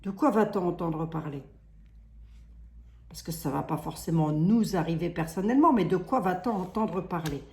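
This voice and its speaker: Reading tarot cards in a loose monologue, a woman speaks with a Lorraine French accent in a medium-pitched, darkish voice. She wanders, hesitates, keeps restarting her sentences, and peppers her talk with "hein," all in a reverberant space.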